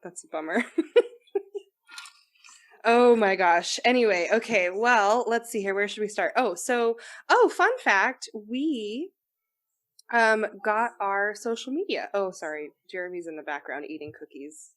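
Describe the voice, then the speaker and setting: A young woman co-hosting a chatty podcast, her talk rambling and loose, full of fillers and quick giggles. Her voice sits at an ordinary middle pitch. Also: animated, a bit bright. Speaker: podcast co-host. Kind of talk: casual chat.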